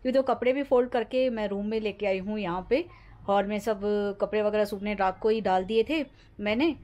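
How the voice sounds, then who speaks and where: Soft-spoken weak Sindhi-speaking woman vlogger. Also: mid-range voice, brisk, muffled recording. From India. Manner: rambling, repeats herself. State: weak and low-voiced after illness. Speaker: home vlogger. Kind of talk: casual chatty daily vlog. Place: home, indoors.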